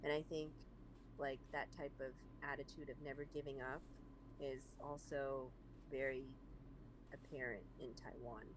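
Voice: mid-range voice, flat delivery, measured pace. A young adult guest with an American accent, born in China and raised in San Francisco, talking casually in an interview with many fillers. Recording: noisy recording.

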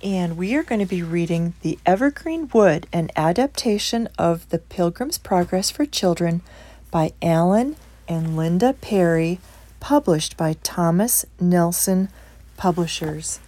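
A woman reading a bedtime story aloud to children, hushed and sometimes dropping to a whisper. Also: lowish voice, expressive, unhurried.

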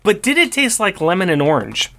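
A man's voice: high-pitched, wildly swooping pitch, a little fast, vocal fry, bright, forceful tone. A man co-hosting a casual podcast, who tends to repeat his phrases for emphasis. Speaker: podcast co-host.

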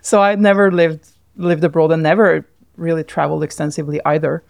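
A woman's voice: low-pitched, fairly even intonation, brisk, vocal fry, a little mellow, no echo, clean studio sound. A Norwegian woman co-hosting a podcast, talking thoughtfully in casual chat and laughing often. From Norway. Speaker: podcast co-host.

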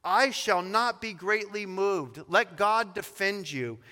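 A man pastor preaching an expository sermon, reading scripture slowly and with emphasis. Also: sits high, pushed and bright, long reverb tail. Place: church sanctuary.

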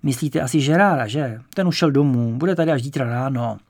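A man's voice: medium pitch, a little mellow, no room sound, studio quality, natural voice. A man reading an audiobook, voicing an older mustached waiter who answers politely and helpfully. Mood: obliging. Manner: polite, obliging. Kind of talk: audiobook character voice.

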